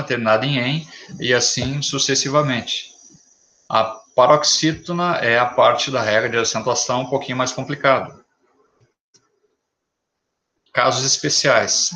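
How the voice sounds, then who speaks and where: A man teaching a grammar lesson, talking slowly and deliberately and listing examples one word at a time. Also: mid-range voice, fairly bright tone.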